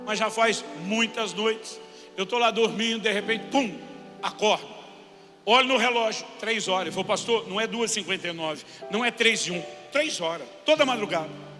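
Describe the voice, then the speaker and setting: A man preaching a sermon, telling a story with acted-out dialogue, sometimes rising to shouts. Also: extremely high pitch. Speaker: pastor. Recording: long hall reverb with faint music.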